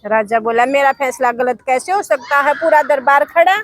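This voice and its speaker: Lady telling an old village story, high voice, dry close sound. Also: moderate pace, no room sound. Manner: homely rustic storytelling. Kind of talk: telling a folk tale aloud.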